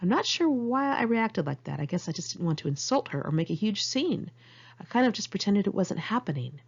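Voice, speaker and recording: In a muffled lo-fi amateur recording, a woman reads her own memoir candidly and conversationally, like a one-take amateur audiobook. Her mid-range voice is very animated and fairly quick, creaky with a breathy edge.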